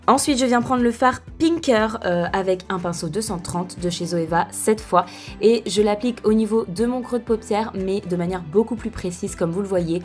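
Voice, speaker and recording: A woman's voice: mid-range voice, a little mellow. A young woman talks through a makeup tutorial in a casual, chatty way, with many fillers and self-corrections. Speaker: beauty vlogger.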